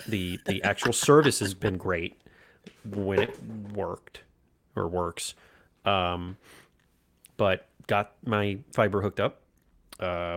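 A man, a podcast co-host telling a casual story and acting out the voices of the people in it. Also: deep voice. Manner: animated anecdote telling, acts out quoted voices.

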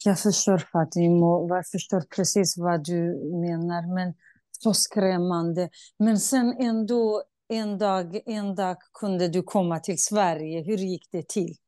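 Female host, low mellow voice, empathetic questions, dry close recording. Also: steady tone, no room sound. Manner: emotional, empathetic questioning with restarts. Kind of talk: conversational interview.

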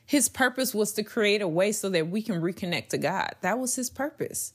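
A woman's voice: mid-range voice, expressive, normal speed, slightly rough. A woman hosting a faith-based podcast, talking earnestly in a rambling, personal way with frequent restarts. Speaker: podcast host.

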